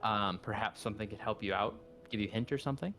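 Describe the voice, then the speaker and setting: A man's voice: on the low side, fast talker, sharp tone, soft background music. A man acting as game master, casually narrating a tabletop game and guiding the players.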